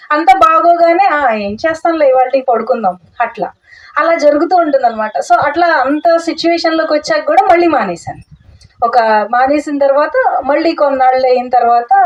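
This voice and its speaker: A young woman with a high voice shares her meditation story earnestly, restarting her sentences and dropping in English words. She sounds set back from the mic. The audio is dull and muffled. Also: recorded from a distance. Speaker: meditation talk speaker. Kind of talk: personal testimony talk.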